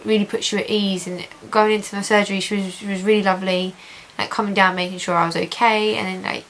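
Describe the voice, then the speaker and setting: A woman's voice: medium pitch, level tone, fast, a bit bright, poor audio. A woman giving a casual video diary update, chatty and positive in an informal, conversational way. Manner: chatty, repeats intensifiers, positive and reassured. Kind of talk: casual chat to camera. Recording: hissy home recording.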